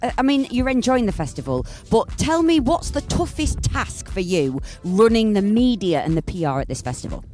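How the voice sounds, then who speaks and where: Woman, festival podcast host, bubbly, chatty, lively pitch, faint music. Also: moderate pace, hardly any pauses.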